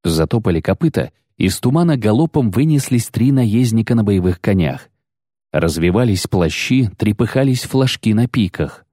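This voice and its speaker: A male narrator reading a fantasy audiobook at a steady, measured pace. His very low voice is recorded dry and close to the mic. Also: dry recording.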